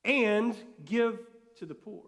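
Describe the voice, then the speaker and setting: Man, pastor, high voice, folksy sermon in a church with long reverb. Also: takes it slowly. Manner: folksy, conversational preaching with sudden soft drops. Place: church sanctuary. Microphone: live stream.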